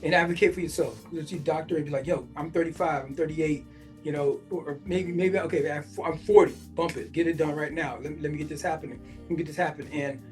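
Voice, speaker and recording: A man's voice: a little high, fairly even intonation, fast, faint music behind. A man in his forties hosting a podcast, reading a news article aloud and stopping often to react in casual asides full of fillers. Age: 40s. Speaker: podcast host.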